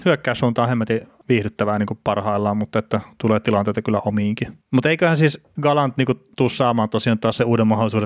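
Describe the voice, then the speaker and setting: A man hosting a casual podcast, telling stories in a relaxed way with frequent fillers. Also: fairly low pitch, no room sound, clean studio sound. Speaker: podcast host. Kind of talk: casual hockey chat.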